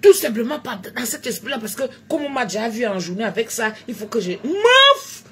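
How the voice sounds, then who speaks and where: A tired woman chatting live to her followers, animated, jumping between loud exclamations and low murmurs and joking in broken English. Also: fast talker, a little hiss or hum. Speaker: food seller live-streaming on social media. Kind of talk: casual live chat to followers.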